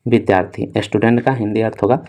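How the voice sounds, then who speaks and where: In a steady, darkish, somewhat creaky voice on the low side, a young man teaches English reading. He slowly spells words letter by letter, returning again and again to "theek hai" and "dosto."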